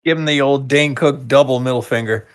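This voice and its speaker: A man's voice: medium pitch, a little fast, no echo, clean studio sound. A man playing a tabletop game, making playful, jokey exclamations. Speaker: player.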